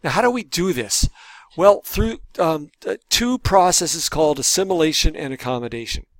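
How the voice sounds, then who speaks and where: A man with a somewhat high voice delivers a recorded course lecture, wandering through his points with frequent fillers and self-corrections. The sound is close and dry, with almost no room around it. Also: animated, normal speed, no echo. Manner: rambling with frequent fillers and restarts. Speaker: college lecturer.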